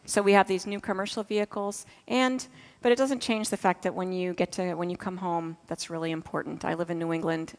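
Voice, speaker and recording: A woman in her fifties from Massachusetts, an astronaut giving a conference talk with slides. Her low, gravelly voice rambles warmly with "uh"s and restarts. It carries a long reverb from the hall behind the stage mic. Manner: warm, chatty, with frequent fillers and restarts.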